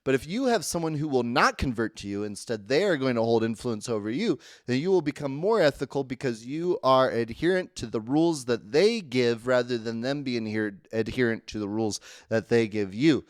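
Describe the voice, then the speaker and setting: A drunk man co-hosting a podcast, rambling loudly and joking as he chats. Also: medium pitch, expressive, fairly quick, hardly any pauses, dry recording, clean studio sound. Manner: rambling, loud, jokey. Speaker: podcast co-host. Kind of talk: casual chat.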